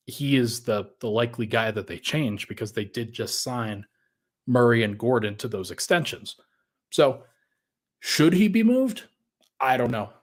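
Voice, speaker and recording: A man hosting a casual sports podcast, thinking aloud in a conversational way and sounding a little out of breath. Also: mid-range voice. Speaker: podcast host.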